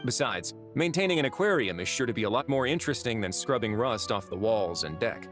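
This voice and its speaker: Calm, authoritative game warden by a male actor. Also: medium pitch, a little fast, music in the background, lightly acted. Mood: calm, decided. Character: calm, pragmatic, authoritative male prison administrator. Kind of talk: video game voice acting.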